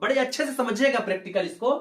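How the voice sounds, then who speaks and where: A fast-talking man with a very high voice teaches exam-prep grammar step by step. He asks rhetorical questions and checks in with his students, repeating things and saying "ठीक है", in a room with noticeable echo.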